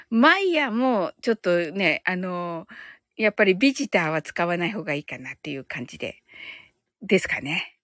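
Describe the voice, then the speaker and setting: A woman's voice: mid-range voice, a bit bright, no room sound, clean studio sound. A woman hosting a casual live audio stream, reading out listener comments and reacting with giggles and delight.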